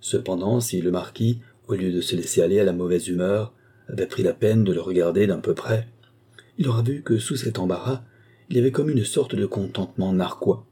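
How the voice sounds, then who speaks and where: A man narrates a classic novel in a measured, steady reading. His voice sits low and dark, with a husky edge. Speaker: audiobook reader. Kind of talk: scripted narration.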